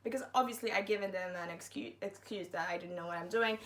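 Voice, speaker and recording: A woman's voice: mid-range voice, fast, fairly bright tone. Young woman, chatty storytime vlog, self-mocking, acts out quotes. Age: young adult. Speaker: university student vlogger.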